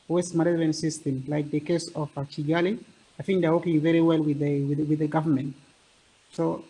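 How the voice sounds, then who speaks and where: A man's voice: a little high, vocal fry, darkish tone, husky, poor audio. A man from South Sudan giving a hesitant comment in an online forum, with many fillers and restarts, over a video call. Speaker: forum participant.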